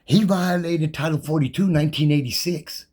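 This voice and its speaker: Speaking at normal speed in a somewhat high, slightly mellow voice, a man rants defiantly about his rights in an impassioned monologue. He's slangy, profane, loose, and repetitive, reciting legal code numbers from memory.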